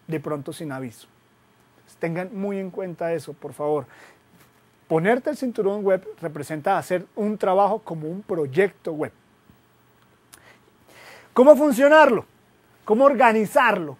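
Man, high voice, lively lecture style, rhetorical questions, jokes at himself. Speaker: guest web consultant. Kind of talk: classroom lecture.

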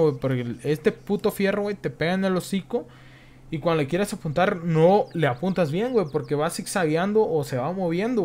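A man's voice: on the high side, a little mellow. A young man with a Mexican accent gives casual, profane commentary on his gameplay. He tacks a slang filler onto nearly every phrase. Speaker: gameplay streamer.

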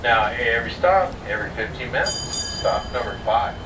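A man's voice: medium pitch, animated, moderate pace. A man narrating a sightseeing tour from an open-air tour train, rambling with many fillers and light jokes. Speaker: tour guide. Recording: distant voice over vehicle and street noise.

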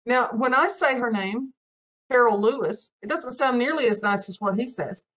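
A woman's voice: fairly high pitch, animated, normal speed, fairly bright tone, low-quality recording. A woman from Newfoundland co-hosting a casual book chat, talking in a chatty, amused way. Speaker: library podcast host.

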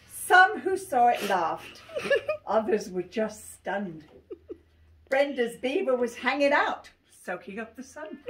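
An 80-year-old Englishwoman with a high voice reads a rhyming picture book aloud, unhurried and amused, often breaking into giggles and laughter. She is filmed on a phone camera a few feet away in a small, cluttered living room, with faint noise and clicks in the home video.

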